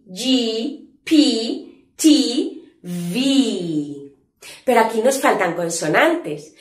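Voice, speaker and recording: Teacher lady, bouncy voice, kinda high, roomy echo. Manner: lively, clear and patient, drawing out letter sounds to show them. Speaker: English teacher. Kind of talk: spoken lesson for Spanish speakers.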